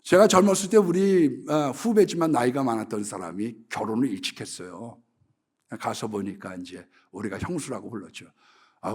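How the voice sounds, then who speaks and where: A man preaching a sermon as pastor, animated, swinging between loud exclamations and hushed asides, acting out quoted voices. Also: mid-range voice, husky. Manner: acts out quoted voices in dialogue.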